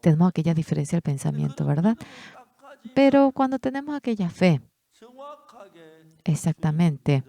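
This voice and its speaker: A man preaching a sermon, reading scripture aloud and pushing his voice up high for emphasis. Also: sing-song, moderate pace, creaky, long pauses, warm tone. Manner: preaches with sudden high-pitched emphatic bursts.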